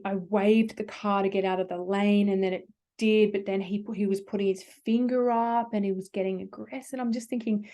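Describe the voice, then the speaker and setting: A woman coaching a workshop group in a loose, conversational way. She rambles a little, stacks up "like"s and restarts her sentences, with a voice of middling pitch. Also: a little mellow. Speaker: business coach. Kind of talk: workshop talk with personal anecdotes.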